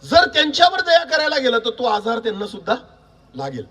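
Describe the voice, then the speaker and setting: A man preaching a sermon, quizzing the congregation with repeated questions and building to shouts. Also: very high voice, wildly swooping pitch, brisk, distant mic. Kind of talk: sermon with call-and-response.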